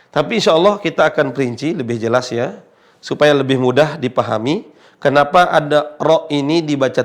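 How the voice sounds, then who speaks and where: A man teaching Quran pronunciation in a TV lesson, patient, repeating his points and drawing out example sounds. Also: on the high side. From Indonesia. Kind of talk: Islamic TV lesson.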